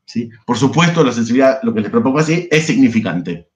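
A man's voice: medium pitch, very animated, fast talker, dull audio. A man with an Argentine Spanish accent giving an online psychoanalysis lecture, discursive and constantly checking in with his listeners. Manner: discursive, peppered with checking questions. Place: home, online class.

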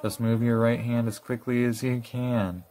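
A man's voice: medium pitch, little pitch movement, normal speed, warm tone, natural voice. Gracie, a man voicing a snooty giraffe fashionista. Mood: haughty. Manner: condescending, calls everyone darling. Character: snooty haughty female giraffe fashion designer.

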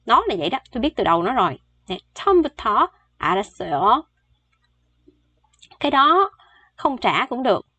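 A woman, chattily explaining Korean phrases and repeating each one slowly for learners. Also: a little high, very animated, pushed and bright, husky, no room sound, dull audio. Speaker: Korean language teacher.

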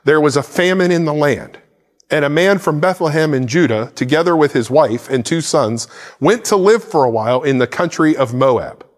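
This pastor, a man in his forties, has a voice on the high side with a big-room sound. He preaches to camera on a church stage set with plants and a cross, gesturing with the Bible he holds.

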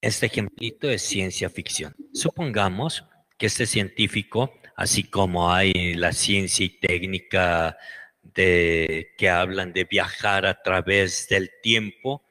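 A man's voice: deep voice, steady tone, slow pace, pushed and bright. A man with a Mexican accent giving a folksy storytelling lecture on religion, fond of diminutives. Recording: long hall reverb.

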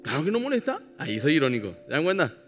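A man's voice: fairly high pitch, huge pitch swings, quick pace. A male pastor preaching a sermon emphatically, with wry irony and asides to the congregation. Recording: live church hall with long reverb, faint music.

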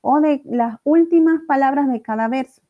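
Female teacher, high voice, patient, step-by-step recorded lesson, muffled lo-fi audio. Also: moderate pace. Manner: explains step by step, checking in with "¿ok?" and "¿ya?". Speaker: language teacher. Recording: dull lo-fi recording.

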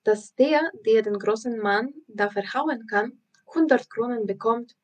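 A woman's voice: fairly high pitch, unhurried. Woman reading as a helpful young boy. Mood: explaining. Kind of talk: audiobook reading.

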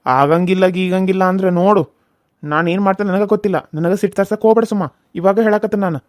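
A man's voice: high-pitched, fairly even intonation, fast, no echo, studio quality, close to an everyday voice. A man voicing a bossy, threatening young village husband in a cartoon serial, with a North Karnataka Kannada accent. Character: bullying hot-tempered young husband. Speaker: voice actor.

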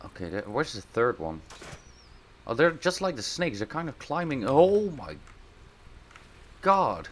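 A man hosting a let's play, giving casual gameplay commentary and bursting into loud surprised exclamations. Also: mid-range voice, very animated, measured pace, pauses often, a little hiss or hum.

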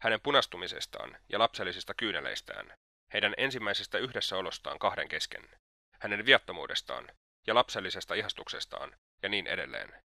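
A man narrating a classic novel as an audiobook in a steady, even reading. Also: deep voice, dry recording, clean studio sound. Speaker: audiobook reader. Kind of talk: scripted narration.

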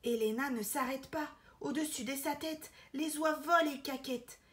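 Woman storyteller, high voice, expressive picture-book reading, soft whispered asides. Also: moderate pace. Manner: lively storyteller, soft breathy whispers for quiet narration.

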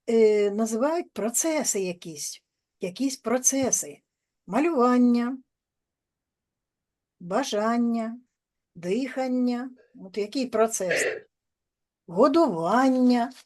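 A woman teacher, explaining a language lesson to children slowly and patiently, step by step. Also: fairly high pitch, darkish tone.

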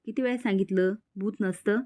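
A woman's voice: medium pitch, fairly even intonation, brisk, mellow, no room sound, clean studio sound, lightly acted. A woman voicing a haughty sister-in-law in a serial recap. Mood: impatient. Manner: plainly read dialogue.

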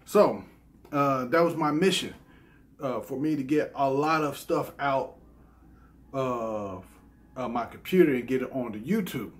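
A man's voice: medium pitch, unhurried, pauses often. A man hosting a gaming channel, giving a casual, rambling update full of fillers and tag questions. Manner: rambling, filler-heavy, often adds "right?". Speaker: YouTube gaming channel host.

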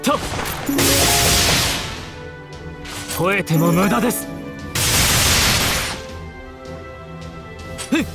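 A male voice actor in a mobile game voices a sorrowful, courtly knight archer, poetic and coolly merciless, in theatrical battle lines over game music. His medium-pitched voice sits close to everyday speech, sounding fierce and commanding. The delivery is slow, formal, and poetic, full of grief and politeness.

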